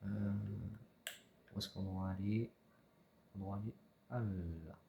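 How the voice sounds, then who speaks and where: Low-voiced man muttering through a game. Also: slow, creaky, dull audio, slight background noise. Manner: mutters to himself and chuckles, talks to game creatures. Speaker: gamer playing a survival game. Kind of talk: casual let's-play commentary.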